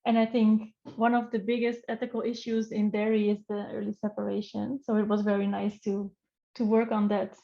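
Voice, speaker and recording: A woman's voice: medium pitch, little pitch movement, fairly quick, vocal fry, dull audio. A young woman with a Dutch accent, a researcher speaking English in a cheerful, easygoing interview chat over a video call. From Netherlands. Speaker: animal welfare researcher, guest.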